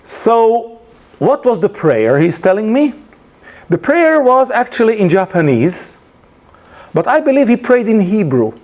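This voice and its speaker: A man whose English is a second language tells a story during an informal lunchtime lecture, hesitating and restarting often. His high-pitched voice runs a little slow, and he narrates animatedly, laughing as he goes.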